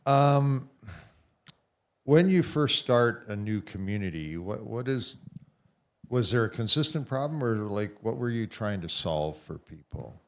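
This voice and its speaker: A man's voice: fairly low pitch, lively intonation, unhurried. A man moderating a live conference panel, asking questions in an easygoing, teasing way.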